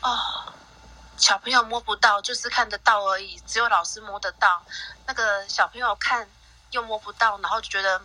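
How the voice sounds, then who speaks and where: Bright-voiced mother sharing a story. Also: mid-range voice, fairly even intonation, moderate pace, rough recording. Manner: rambling, many restarts and fillers. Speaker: guest parent. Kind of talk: casual sharing on a live audio chat.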